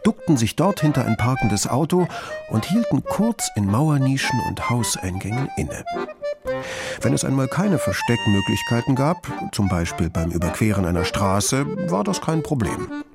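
A man narrating a children's storybook in a lively, expressive way. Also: medium pitch, normal speed, vocal fry, over loud music.

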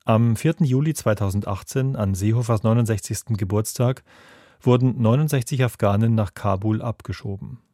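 A man introduces a documentary series in a calm, scripted manner. His voice is mellow and dark, recorded close and dry in a studio. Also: lowish voice, moderate pace, dry recording. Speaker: radio presenter.

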